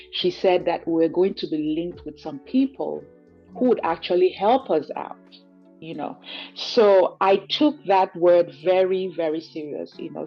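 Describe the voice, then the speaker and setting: A woman's voice: lowish voice, muffled recording. A woman from Cameroon giving a testimonial in an interview, earnest and reflective, often saying "you know". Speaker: guest giving a client testimonial. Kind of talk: conversational interview over a call.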